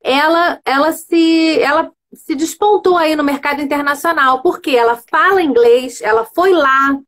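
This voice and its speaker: Emphatic high-voiced woman host. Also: normal speed, a bit bright. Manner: emphatic, many rhetorical checks. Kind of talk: casual live chat. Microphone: video call.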